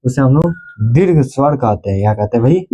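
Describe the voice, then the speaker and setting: A man teaching a grammar lesson. He keeps asking his pupils questions, answers them himself and repeats key terms slowly so they can be written down. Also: medium pitch, animated, warm tone. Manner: addresses viewers as "bhai".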